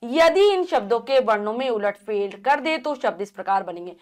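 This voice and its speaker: A woman's voice: fairly high pitch, lively intonation, normal speed. A woman teaching a children's grammar lesson, patiently spelling out letters and asking and answering her own questions.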